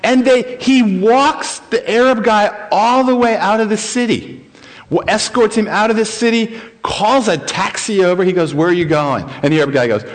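Male pastor, high voice, animated sermon storyteller who chuckles often. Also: normal speed. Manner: animated retelling with frequent chuckles.

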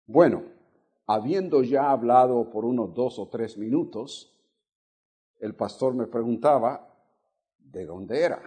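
An older Honduran man, a guest preacher with a faded Honduran Spanish accent, gives a Bible teaching sermon in a church sanctuary. He speaks slowly and in a measured way with a mellow, medium-pitched voice, stretching key words and asking the congregation questions.

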